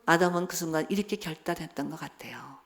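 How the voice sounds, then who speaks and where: A woman's voice: low voice, fast talker, creaky. A middle-aged woman giving a church seminar talk, telling stories from her marriage, acting out quotes and putting questions to the audience. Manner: lively storytelling, acts out quotes, asks the audience questions. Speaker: seminar speaker.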